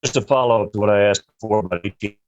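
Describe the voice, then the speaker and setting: A man's voice: lowish voice, darkish tone. Man on a remote line that keeps breaking up. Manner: halting, restarting questions. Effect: remote call line breaking up, dropping out. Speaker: reporter asking questions. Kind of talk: press conference question over a remote line. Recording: dull lo-fi remote call audio.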